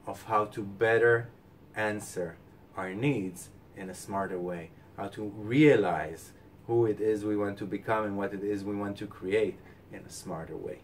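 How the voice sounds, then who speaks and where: A man with a fairly low voice hosts a weekly astrology forecast, advising calmly with fillers and restarts. He sounds short on sleep and sits some way from the mic, with a faint low rumble in the background. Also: far from the mic. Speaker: astrologer host.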